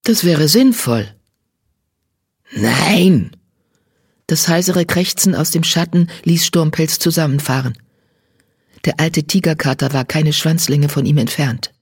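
Husky audiobook narrator. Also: mid-range voice, normal speed, no room sound, studio quality. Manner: steady storytelling.

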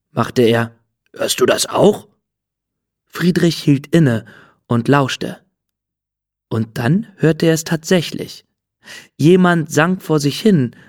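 A man narrating a children's storybook in an expressive, storytelling manner. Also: fairly high pitch, dry recording, clean studio sound. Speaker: audiobook narrator.

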